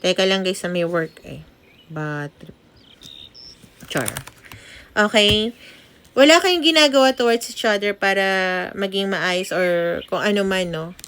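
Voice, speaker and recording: A woman's voice: medium pitch, lively intonation, a little slow, a bit bright, slight background noise. A young woman giving a casual tarot reading, chatty and full of tag questions, mixing English into her talk. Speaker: tarot reader.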